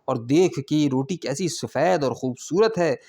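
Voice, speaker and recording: A man with a slightly high, mellow voice plays a lavish, mocking rich host who keeps pushing food on his guest. His tone is coaxing and insistent.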